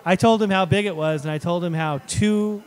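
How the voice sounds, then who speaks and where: A man's voice: high voice, a little fast. A man hosting a casual beer show from a studio, chatting loosely with lots of fillers. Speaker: show host.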